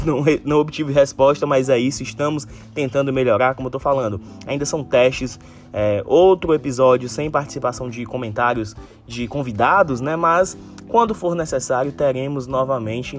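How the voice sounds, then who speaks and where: Lisping man from Ceará over music. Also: medium pitch. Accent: northeastern Brazilian, Ceará. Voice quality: tongue-tied lisp, slushy s sounds. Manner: informal, addresses listeners directly, frequent tag questions. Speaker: sports podcast host. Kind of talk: casual solo football news commentary.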